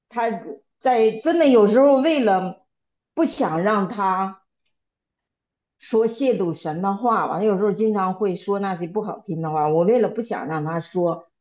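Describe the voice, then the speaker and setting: Woman member giving testimony at Bible study, halting with restarts, mid-range voice, somewhat dull recording. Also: mid-range voice, darkish tone. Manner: halting, repeats and restarts words. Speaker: church member sharing testimony.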